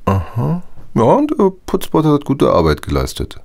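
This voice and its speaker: An actor playing a businesslike male housing-company system administrator who talks briskly and brushes off complaints. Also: mid-range voice, wildly swooping pitch, gravelly, a little mellow. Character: smooth male company technician, brisk and dismissive.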